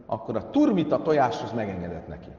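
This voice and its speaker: Male Talmud teacher, reads Aramaic then explains it, halting with fillers, far from the mic in an echoey hall. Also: mid-range voice, wildly swooping pitch, warm tone, highs cut off. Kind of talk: Talmud lesson retelling stories.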